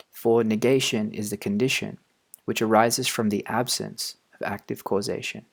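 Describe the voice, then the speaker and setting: A man reads a scripted philosophical text in a quiet audiobook style. His voice sits at an average male pitch, and his delivery is measured and formal. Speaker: audiobook reader.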